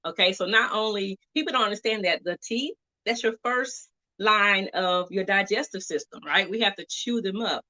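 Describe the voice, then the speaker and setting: A woman as a dentist guest on an interview. She is chatty and lively, quick to laugh. Her voice has a bright ring. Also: mid-range voice. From Atlanta, Georgia. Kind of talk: casual interview.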